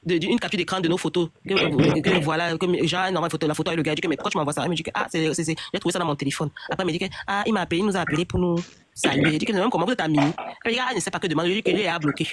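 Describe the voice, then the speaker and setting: A woman's voice: fairly low pitch, racing. A woman telling a personal story in casual chat, rambling and restarting her sentences often. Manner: rambling, many restarts and repeats. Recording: noisy online audio.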